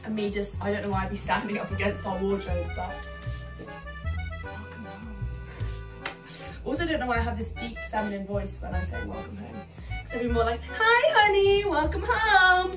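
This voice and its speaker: A giggly young woman who reviews lingerie chats casually to herself during a try-on in a bright bedroom, sounding animated. Her voice sits on the high side at a normal speed. The camera mic is across the echoey room, with music playing behind her.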